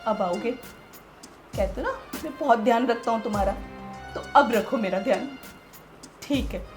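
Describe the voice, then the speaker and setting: An actress playing a lonely, manipulative young sister-in-law in a short film drama, coaxing and pleading. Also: female voice, high voice, moderate pace, over music, close to an everyday voice. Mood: bitter scheming. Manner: coaxing, pleading, then bitterly scheming.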